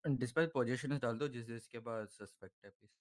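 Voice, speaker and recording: A man taking part in a role-play game over voice chat, excitable and often pleading. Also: mid-range voice, brisk. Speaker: fellow role-play player.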